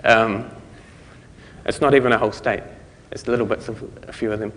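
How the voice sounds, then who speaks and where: A man's voice: lowish voice, fairly even intonation, brisk, fairly bright tone, long reverb tail. A man giving a conversational conference talk, explaining things step by step. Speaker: conference speaker.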